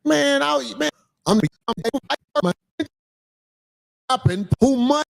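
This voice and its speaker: A man hosting a livestream, telling stories in casual chat with animated, profane delivery. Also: extremely high pitch, extremely slow, vocal fry, faint music behind. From Chicago, Illinois. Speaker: livestream host.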